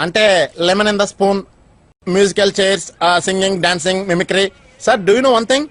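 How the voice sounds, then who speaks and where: A man's voice: high-pitched, normal speed, a bit bright, no echo. An actor playing a cheeky, bragging young man in a Telugu film comedy. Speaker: comic film character. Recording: film soundtrack with faint music.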